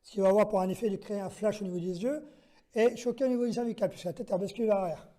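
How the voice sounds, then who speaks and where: Mellow-voiced man teaching self-defense. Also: high voice, racing. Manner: methodical, counts out moves and checks in with "d'accord?"; gives short commands to a training partner. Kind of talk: demonstration lesson.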